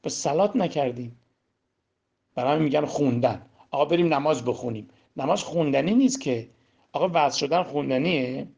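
A man preaching a sermon on Quran verses, who asks and answers his own questions and swings between loud emphasis and hushed demonstration. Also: a little high. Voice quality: gravelly; husky. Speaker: religious teacher. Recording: dull lo-fi recording.

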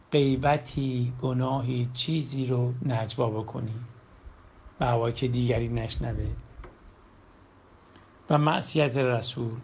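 A man's voice: medium pitch, creaky, a little mellow. A man giving a Quran commentary lesson, reciting verses and then explaining them in plain, conversational speech. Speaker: Quran teacher. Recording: dull lo-fi recording with faint background hum.

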